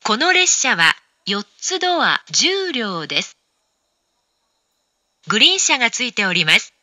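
A woman making formal, scripted train station announcements in a measured, carefully enunciated way. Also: fairly high pitch, big pitch swings, bright, forceful tone, no echo.

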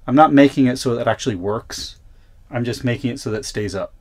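A man's voice: medium pitch, quick pace, a little mellow. A man vlogging casually, chatting and thinking aloud while fixing things on his van. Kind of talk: casual vlog narration.

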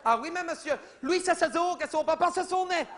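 With crowd noise and a noisy background, a man speaks very high-pitched and a little fast, voicing a gossipy, oblivious middle-aged mother in a comedy sketch. The character rambles on, says "oui, oui" again and again and talks over people.

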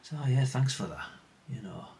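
A middle-aged British hobbyist radio repairer gives a casual, unscripted hands-on demo, rambling, self-deprecating, and mildly sweary. His medium-pitched voice is animated, gravelly, and mellow at normal speed, with a little hiss or hum on the recording.

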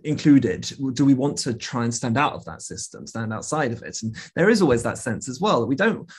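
A man's voice: mid-range voice, big pitch swings, a little fast, slightly rough. A man, a guest artist, answering questions on a video call, thoughtful and full of fillers and restarts. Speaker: guest speaker, media artist. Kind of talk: casual talk and Q&A.

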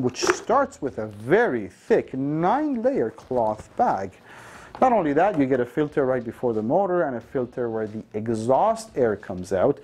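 A man in his thirties shows off a vacuum cleaner indoors in a dark studio showroom. Speaking with a medium pitch and a darkish tone, he explains the features in a cheerful sales manner, dropping in a filler now and then.

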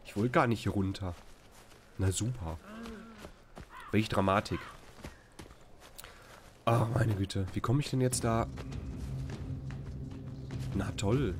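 A man's voice: on the low side, slow, pauses often, slight background noise. A man with a German accent giving casual, rambling commentary while playing a video game, often exclaiming at what he sees. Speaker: let's play commentator.

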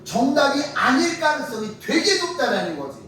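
Animated man teaching in echoey classroom. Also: extremely high pitch. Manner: lively, drilling students with quick questions. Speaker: English teacher. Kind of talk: classroom grammar lecture. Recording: echoey classroom from far off, faint noise.

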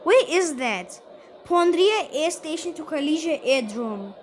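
A high-pitched woman rambles through casual gameplay commentary as her channel's host. She sounds exasperated and keeps addressing her viewers directly. A faint hiss sits under her voice. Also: expressive, unhurried.

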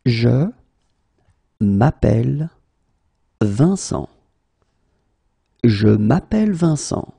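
A man's voice: mid-range voice, sing-song, drawn-out words, vocal fry, long pauses, warm tone, slightly rough, no room sound, studio quality. A man teaching French phrases, saying each one, then breaking it into single words, then saying it again. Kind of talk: slow phrase drills for learners.

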